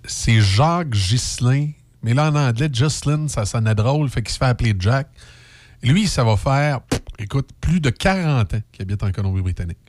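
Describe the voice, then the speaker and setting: Middle-aged male radio host, Québécois accent, joking and opinionated, very expressive pitch, dry studio sound. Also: dry recording. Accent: Québécois French. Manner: animated, joking, slips into mock English voices.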